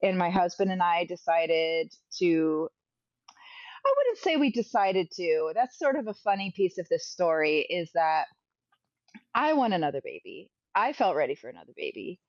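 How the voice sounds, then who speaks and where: A hoarse woman frankly telling a personal story in casual conversation, coughing now and then. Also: on the low side, expressive, moderate pace, no echo, muffled recording. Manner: frank, chatty, occasional coughs. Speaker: podcast guest sharing a personal story.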